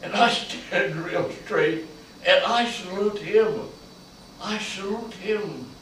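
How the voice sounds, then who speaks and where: An older man, a veteran, performing a slow, emotional spoken-word monologue that swells to loud peaks on key lines. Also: sits high, a little hiss or hum. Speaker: Vietnam veteran storyteller. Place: large echoey college room. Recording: echoey room from far off.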